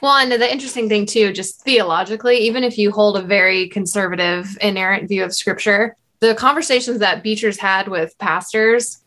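A woman appearing as a guest on a podcast, making her points with a quick, wry wit. Her voice has a middle pitch with a bright, sharp tone. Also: fairly even intonation. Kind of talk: casual podcast conversation.

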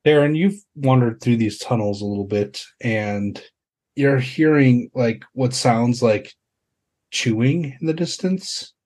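A man improvising horror narration as a tabletop game master, halting as he searches for words. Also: medium pitch, a little mellow.

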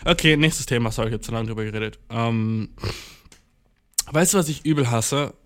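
A man's voice: medium pitch, fairly quick, a bit bright, dry recording, clean studio sound. A young man in a casual, rambling monologue, heavy with slang and English words, acting out the voices in his stories. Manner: acts out quoted dialogue while storytelling. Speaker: solo talker.

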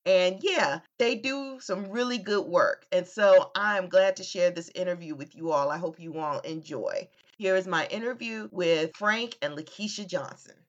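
A woman's voice: fairly low pitch, normal speed, few pauses. A woman from Virginia hosting a podcast, chatting casually and asking friendly questions. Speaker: podcast host. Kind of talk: casual interview chat. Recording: dull lo-fi audio.

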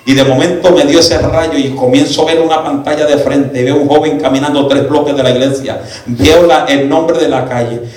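A man preaching a fervent testimony as pastor, going from hushed storytelling to shouted exhortation. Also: a little high, fairly even intonation, moderate pace. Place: church. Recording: echoey church hall with music underneath.

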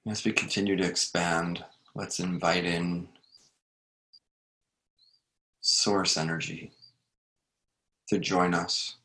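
This meditation guide speaks in a slow, deep, steady voice, offering short phrases separated by long, unhurried pauses in a gentle guided meditation. The recording is of low quality.

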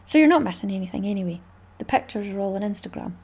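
Husky-voiced Scottish woman chatting. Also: medium pitch, animated, fast talker, darkish tone. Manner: chatty and rambling, with small laughs. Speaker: craft podcast host. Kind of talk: casual solo podcast chat.

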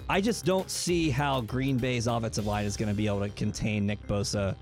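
A man co-hosting a casual sports talk show, getting heated and excitable as he talks. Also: mid-range voice, faint music behind. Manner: fast, heated, excitable delivery.

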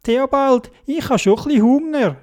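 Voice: high-pitched, normal speed, a little mellow, pitched above the performer's own voice, natural voice. A storyteller voicing Dodo, a timid little boy who stammers "uh, uh" and runs out of breath, in a Swiss German accent. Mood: breathless.

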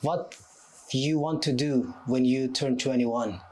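A Turkish man in his twenties speaks English with a Turkish accent as a podcast guest, giving conversational interview answers. His mid-range voice is slow with a darkish tone, and the recording is rough.

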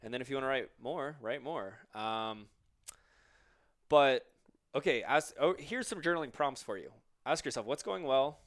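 A man's voice: mid-range voice, lively intonation, normal speed, fairly bright tone. A man co-hosting a podcast, talking casually and giving reflective, coaching-style advice. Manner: reflective, coaching tone, asks listeners questions. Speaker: podcast co-host.

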